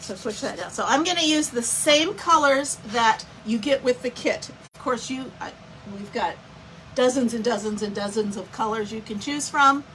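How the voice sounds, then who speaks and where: A woman's voice: on the high side, normal speed, a bit bright, slight background noise, rough recording. Chatty woman teaching a craft live. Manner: chatty, greets viewers by name mid-demo. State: has the hiccups. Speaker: craft instructor.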